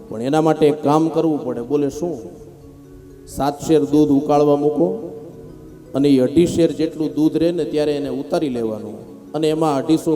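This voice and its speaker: A man preaching a devotional sermon as a lively storyteller who acts out the characters in his parable. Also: fairly high pitch. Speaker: scripture reciter.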